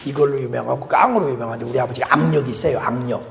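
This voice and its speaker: An older man, a guest pastor, preaches a folksy sermon in a church sanctuary, tossing joking asides to the congregation. His voice is medium-pitched, fast, and has vocal fry, and the church hall sounds echoey.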